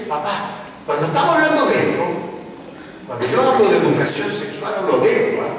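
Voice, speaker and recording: An older Chilean man speaking to a room of parents, animated and full of play-acted voices. His voice sits a little high and comes from far off in a big echoing hall with a long reverb and faint ambience. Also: a little hiss or hum. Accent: Chilean Spanish. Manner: animated, acts out children's voices, tags lines with "¿ah?". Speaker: psychologist giving a talk to parents. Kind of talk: lively public lecture. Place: large school hall. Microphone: distant room mic.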